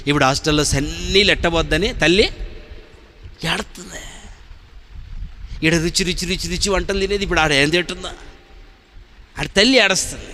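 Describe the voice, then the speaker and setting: A man preaching a sermon as pastor, emphatic, moving from hushed asides to shouted peaks. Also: fairly high pitch. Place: church hall. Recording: long reverb of a church hall, faint noise.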